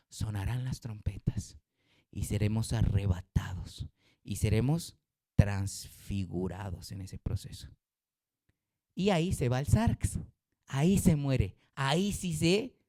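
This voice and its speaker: A middle-aged male pastor preaching a sermon, quizzing his congregation and swinging between loud emphatic rises and quiet low drops.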